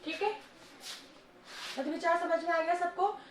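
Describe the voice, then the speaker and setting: High-voiced woman teaching an echoey class. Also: fairly even intonation, measured pace. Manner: scolding, coaxing a quiet class to answer. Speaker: school Hindi teacher. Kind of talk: classroom grammar lesson. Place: school classroom. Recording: echoey classroom with faint noise.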